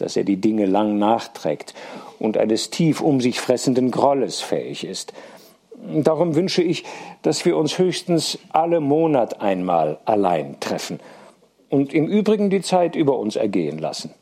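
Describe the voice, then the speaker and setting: A man reading as a cool, sharp-tongued girl. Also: medium pitch, big pitch swings, creaky, husky, heavily acted. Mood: cool serious. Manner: dry and cool, with quick snaps.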